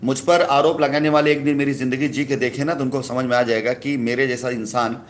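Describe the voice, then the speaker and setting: Here a man with a mid-range voice and fairly even intonation talks a little fast as a company head fielding a customer's call. His explanation is persuasive and insistent, with frequent repetition of phrases.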